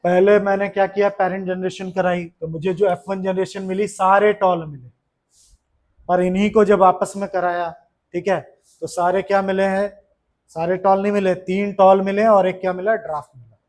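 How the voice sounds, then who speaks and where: Man teaching a classroom lesson, high voice, chatty, keeps asking questions. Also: level tone, normal speed, a little mellow.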